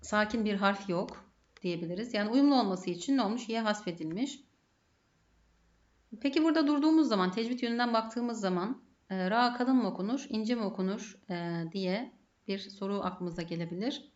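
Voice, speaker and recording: A woman with a Turkish accent gives a methodical Arabic grammar lesson, working step by step and posing questions that she then answers herself. Her voice is medium-pitched and brisk, and the recording has its highs cut off.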